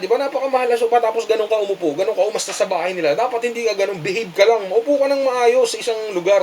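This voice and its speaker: A man lectures his audience in a casual, scolding tone and keeps tacking on rhetorical questions. His voice sits high for a man. A faint noise hums under the recording. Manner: scolding, preachy, repeats "di ba?". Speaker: vlogger giving advice. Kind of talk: casual advice monologue.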